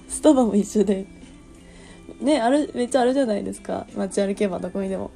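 A woman in her twenties chats through her solo radio show with a Kansai accent. Her voice is mellow and warm, and she is easygoing and quick to poke fun at herself. Faint music plays softly behind her. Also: medium pitch, gravelly. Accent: Kansai Japanese. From Kansai, Japan. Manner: chatty, self-deprecating, laughs often. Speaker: podcast host. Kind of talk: casual solo radio talk.

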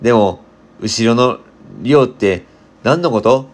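Man voicing a young girl, high-pitched, polite, prim, curious, storybook reading. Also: animated, slow. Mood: wondering.

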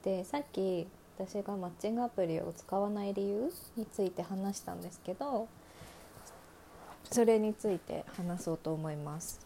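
A woman's voice: medium pitch, normal speed, gravelly, warm tone, a little hiss or hum. A woman hosting a casual solo talk show, frankly telling personal dating anecdotes with many fillers. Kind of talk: casual storytelling monologue.

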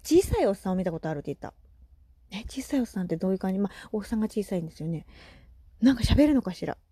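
A woman in her thirties chatting casually on her solo podcast, animated and laughing often, with soft asides. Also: medium pitch, racing, husky, no echo. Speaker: podcast host.

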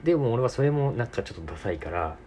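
A man's voice: medium pitch, very animated, quick pace, a little mellow, slight background noise. A man from Tokyo with a Tokyo accent, hosting his own podcast and rambling casually, correcting himself and laughing often. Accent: Tokyo Japanese. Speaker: podcast host. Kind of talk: casual solo talk.

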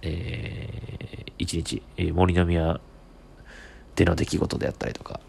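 A young comedian with a Kansai accent hosts his solo talk show, recorded close on the mic. His voice sits low and gravelly. He tells the story with animated energy and acts out each person's lines. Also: measured pace. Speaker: comedian podcast host.

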